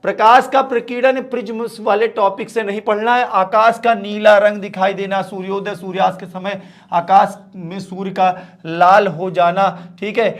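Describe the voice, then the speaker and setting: A man teaches an exam-prep physics lesson. He talks straight to his students, firm and familiar, and keeps checking that they follow. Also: high voice. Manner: direct, repeats "ठीक है" and calls students "बेटा".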